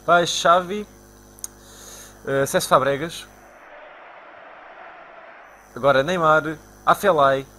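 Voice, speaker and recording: A young man from Portugal with a European Portuguese accent, commentating his own football video game live and shouting at his players. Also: slow, pauses often, a little hiss or hum. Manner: excitable, shouts at players and spikes into high-pitched cries. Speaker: gaming YouTuber.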